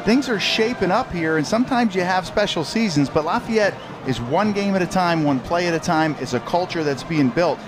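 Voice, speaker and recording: A man's voice: high-pitched, animated, moderate pace, few pauses. A man giving color commentary from the broadcast booth, enthusiastic and a little rambling. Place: press box booth. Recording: broadcast with music bed behind.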